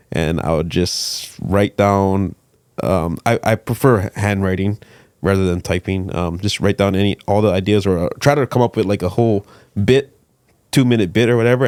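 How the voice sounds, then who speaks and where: Comedian guy hosting a podcast, low voice, kinda halting, laughs a lot, dry sound. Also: darkish tone, clear, resonant tone, no echo. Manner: halting, laughs between thoughts. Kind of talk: casual podcast conversation.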